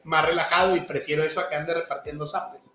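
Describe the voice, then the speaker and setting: High-voiced man telling stories, cursing freely. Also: fast talker, reverberant, faint music behind. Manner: profane, animated storytelling, mimics voices. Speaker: podcast co-host and father. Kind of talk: casual podcast chat.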